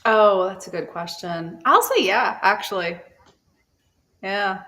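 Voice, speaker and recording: A woman's voice: mid-range voice, slow pace, bright, forceful tone. A woman hosting a casual TV chat show, talking loosely with many fillers. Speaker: podcast host.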